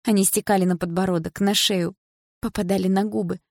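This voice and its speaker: A woman narrating a story in an expressive, emotional audiobook reading. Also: medium pitch, brisk, no echo, studio quality.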